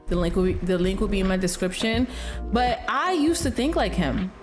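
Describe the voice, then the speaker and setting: A woman's voice: mid-range voice, lively intonation, moderate pace, faint music behind. Chatty woman with a Nigerian accent. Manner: conversational, restarts often, emphatic. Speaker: realtor. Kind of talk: casual commentary.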